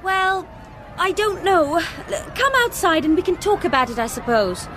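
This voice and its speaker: A woman's voice: very high voice, big pitch swings, moderate pace, a bit bright, a little hiss or hum, full character voice. A woman playing a hesitant girlfriend in a radio drama, calling out as if straining to hear and be heard. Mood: uncertain.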